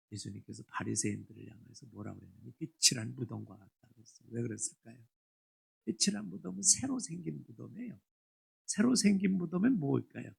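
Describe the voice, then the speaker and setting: A man in his sixties, a pastor preaching a sermon, moving from quiet asides to loud, emphatic exhortation. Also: mid-range voice, gravelly, breathy edge. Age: 60s.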